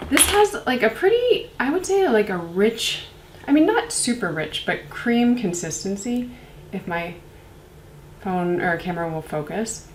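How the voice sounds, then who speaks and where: Poor audio, an echoey room, and slight background noise frame a medium-pitched young woman whose voice is congested by a cold. As a beauty reviewer in a casual vlog, she wanders through her skincare review, leaning heavily on fillers.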